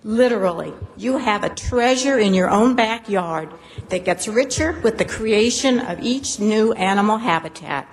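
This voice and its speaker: A woman's voice: mid-range voice, animated, moderate pace, rough recording. A middle-aged woman reading prepared public comment to a council in an earnest, formal manner. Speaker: zoo employee speaking at council meeting. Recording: faint background noise.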